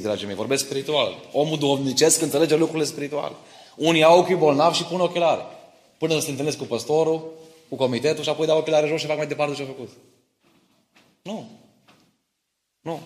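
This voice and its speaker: A middle-aged man preaching a sermon in church. He tells stories from his family and explains Bible verses, often asking the congregation whether they follow him. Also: a little high. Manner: personal stories mixed with Bible teaching, asks listeners for agreement. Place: church hall. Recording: echoey church hall.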